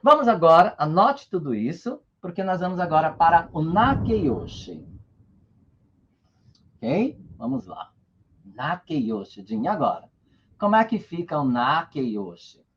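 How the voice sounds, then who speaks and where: A man's voice: a little high, very animated, unhurried, highs cut off, slight background noise. A man teaching Japanese in an online lesson, patient and checking in often with short tags.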